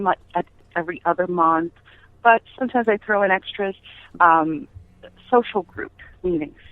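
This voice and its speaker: A woman's voice: mid-range voice, dry recording. A middle-aged woman chatting as an interview guest, telling anecdotes in an emphatic way with rhetorical questions. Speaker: podcast guest, business founder. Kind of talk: conversational interview, anecdotal storytelling. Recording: tinny phone-line audio.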